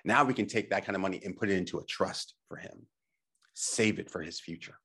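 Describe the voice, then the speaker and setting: A man's voice: low-pitched, a little fast, sharp tone, breathy edge. A middle-aged man giving a motivational slide presentation, emphatic and coaching, putting questions to the listener and checking in. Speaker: presenter and teacher on health technology.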